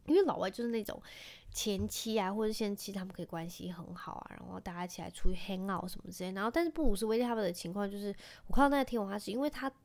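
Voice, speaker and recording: A woman in her thirties with a Taiwanese Mandarin accent hosts a podcast solo, chatting casually and rambling with lots of fillers. Her voice is mid-range and gravelly.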